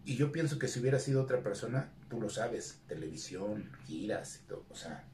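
A man's voice: on the low side, a little fast, slight background noise. A middle-aged man with a Mexican accent, a retired wrestler telling stories in a casual interview and acting out the dialogue. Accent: Mexican Spanish. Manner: animated storyteller acting out quoted dialogue. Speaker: retired lucha libre wrestler, guest. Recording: echoey room, voice from off-mic.

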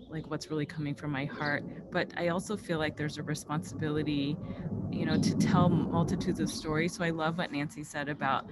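A deep-voiced woman in her thirties joins a casual panel discussion as an author, speaking over a webcam on a video call. She's outdoors with a noisy background, talking earnestly and saying "like" a lot.

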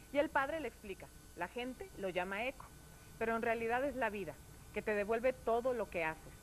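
A woman co-hosting a TV show, chatting casually and reading a short story aloud with lively acted shouts. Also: a little high, a little hiss or hum, rough recording. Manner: chatty, animated when reading, acts out shouted story lines. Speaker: TV show co-host.

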